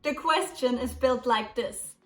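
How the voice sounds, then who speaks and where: A woman teaches German with slow, careful explanations. Her high voice rings in an echoey room. She sits at a distance from the mic, and soft music plays behind her. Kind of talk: English lesson with German example dialogues.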